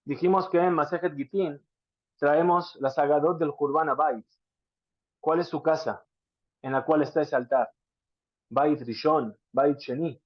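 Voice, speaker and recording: Male Talmud teacher, slightly high voice, questioning style, dry muffled recording. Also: steady tone, unhurried, pauses often, no echo. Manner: rhetorical questions, explains Hebrew terms. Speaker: Torah teacher. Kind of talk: Talmud class lecture. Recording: dry, dull lo-fi sound.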